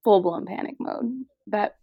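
A woman's voice: mid-range voice, a little slow, vocal fry, slightly rough, no room sound, highs cut off. Chatty young woman telling a story. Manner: chatty, animated, lots of "like", acts out quoted voices. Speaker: podcast co-host. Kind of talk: casual chat, storytelling.

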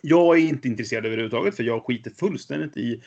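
A man co-hosting a casual board game news chat. He speaks in a measured, hesitant way, with a mildly cynical edge. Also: mid-range voice, creaky, a little mellow, highs cut off. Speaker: podcast co-host.

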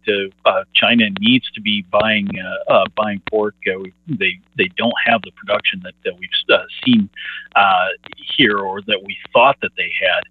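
A low-voiced man heard over a tinny phone line, with a faint hiss behind him. He gives casual market commentary, halting often on fillers as he goes. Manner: halting, many filler pauses. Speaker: market analyst guest.

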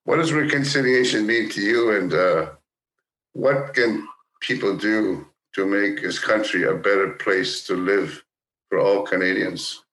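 A man hosting a conversational podcast interview, phrasing his questions haltingly and rewording as he goes. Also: fairly low pitch, fairly bright tone, slight background noise. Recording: roomy, echoing sound.

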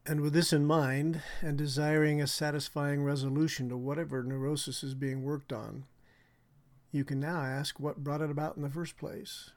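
A man speaking as a hypnotherapist on a podcast, measured and soothing in his delivery. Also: a little high, little pitch movement, darkish tone. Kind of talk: guided hypnotic relaxation and explanation.

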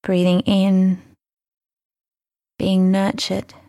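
A woman leading a guided mindfulness meditation, speaking softly and soothingly, unhurried and gentle, with breathy phrase endings. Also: medium pitch, completely flat delivery, no echo, clean studio sound. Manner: soothing, unhurried, gentle instruction with long pauses.

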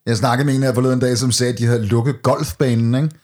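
A man's voice: medium pitch, steady tone, darkish tone. A man co-hosting a podcast in casual, colloquial chat, with some mild swearing. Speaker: podcast co-host. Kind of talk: casual chat, football watch-along commentary.

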